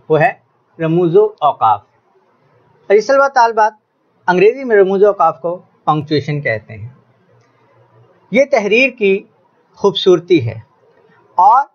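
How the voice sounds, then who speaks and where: A man with a high, lively voice teaching a lesson at an unhurried pace. He addresses his students formally and raises his voice to stress examples. The recording sounds dull and lo-fi. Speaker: Urdu teacher. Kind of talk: classroom lesson.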